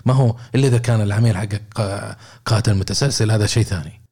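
Saudi male sales trainer, dark husky tone, casual and explanatory. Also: fairly low pitch, fairly even intonation, rapid-fire. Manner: chatty, explains with made-up example dialogues. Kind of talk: informal training talk.

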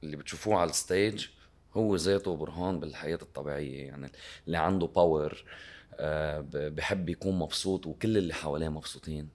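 Fast-talking low-voiced Lebanese Arabic man. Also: steady tone, darkish tone. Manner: peppers Arabic with English words. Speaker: interview guest, singer. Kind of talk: conversational interview.

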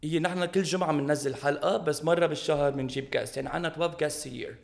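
A man's voice: a little high, fairly even intonation, quick pace, gravelly. A man with a Levantine Lebanese Arabic accent, chatting casually as a podcast co-host and mixing English phrases into his Arabic. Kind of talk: casual chat.

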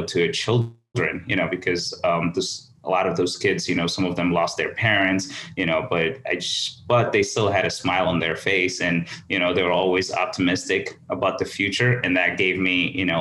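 A man from Somaliland, raised in the UAE, speaking as a podcast guest on a remote call. He tells his story in a halting, earnest way with frequent restarts. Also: sits low, bright, forceful tone. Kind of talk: conversational storytelling. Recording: echoey room over a call.

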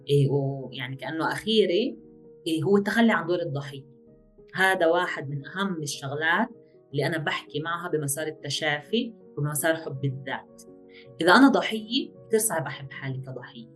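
A woman with a Levantine Arabic accent speaks as a psychologist guest on a radio interview. Her voice sits fairly low, and she talks at a very rapid clip. Soft guitar music plays faintly behind her. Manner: rapid, explanatory, gives practical examples.

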